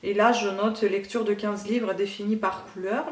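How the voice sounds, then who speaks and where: A woman talks through her reading in a chatty, rambling vlog style, often pausing to hesitate. Her voice sounds set back from the microphone, and an echoing room surrounds it. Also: medium pitch, fairly even intonation, far from the mic. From Ukraine. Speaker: book vlogger. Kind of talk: casual book review vlog.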